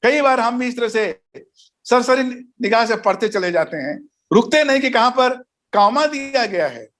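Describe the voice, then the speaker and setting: A pastor gives a Bible study lesson in a fairly high voice. He works through numbered points and tells short anecdotes along the way. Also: animated, moderate pace, a bit bright. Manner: didactic, enumerates points, tells jokes and anecdotes. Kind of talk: recorded teaching session.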